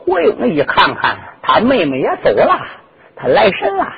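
A man narrating a traditional story in a lively, dramatic way. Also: high-pitched, moderate pace, creaky, a little hiss or hum. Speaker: folk storyteller. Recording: dull lo-fi with long reverb.

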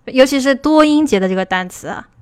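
A woman with a fairly high voice teaches English listening and pronunciation on a livestream. She explains patiently and checks in with her listeners. The sound is dry and close, with no room echo. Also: expressive, smooth. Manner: explanatory, asks "对吧" to check understanding; slows down to model English pronunciation. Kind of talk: livestream lesson.

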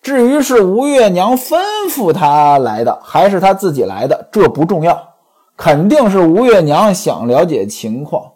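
A man retells a classic novel and comments on it in a chatty way. He keeps speaking straight to his listeners. His voice sits slightly high and swings widely up and down. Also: sing-song, unhurried, a little mellow, husky. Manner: chatty, addresses listeners directly. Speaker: storyteller and commentator.

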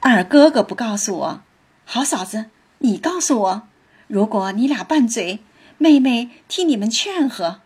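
A woman voicing a playful, sharp-witted young noblewoman who teases in a breathy voice. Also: fairly high pitch, animated, measured pace, heavily acted. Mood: teasing. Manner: playful, teasing.

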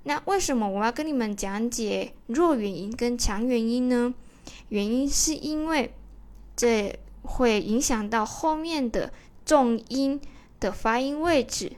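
A woman who teaches pronunciation in a casual online lesson, friendly and chatty, ending her lines with soft particles. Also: on the high side, unhurried.

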